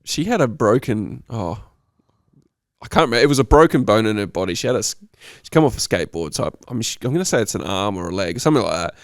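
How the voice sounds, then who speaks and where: A man's voice: lowish voice, big pitch swings, fast, no room sound, clean studio sound. A man chatting casually as a podcast co-host, his voice nasal from a cold, laughing often as he talks. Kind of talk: casual chat.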